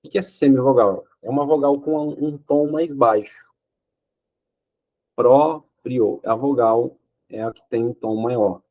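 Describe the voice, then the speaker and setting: A man's voice: mid-range voice, fairly even intonation, moderate pace, phone-quality sound. A man teaching Portuguese grammar for an exam, explaining step by step, asking questions and answering them himself, often checking with "ok?". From Brazil. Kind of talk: exam-prep grammar lesson.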